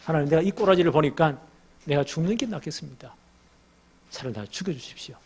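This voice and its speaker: A man's voice: a little high, animated, fast, darkish tone, husky. A male pastor voicing an angry prophet who complains indignantly to God and asks to die.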